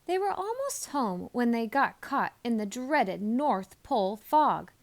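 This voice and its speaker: High, animated woman reading a storybook. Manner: expressive, deliberate emphasis on key words. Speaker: storybook reader. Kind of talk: animated children's story narration.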